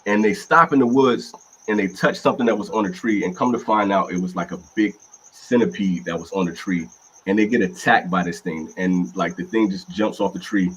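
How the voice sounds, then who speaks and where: A man's voice: low-pitched, a little fast, slight background noise, poor audio. A man co-hosting a casual chat, ranting animatedly with emphatic swearing. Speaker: podcast co-host.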